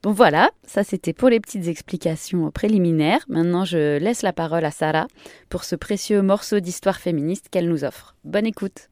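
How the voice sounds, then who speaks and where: A woman with a fairly low voice hosts a radio program, sounding earnest and explanatory. She hesitates often between phrases. The studio sound is dry and close. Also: normal speed, a little mellow, no room sound. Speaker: radio show host. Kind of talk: scripted radio introduction.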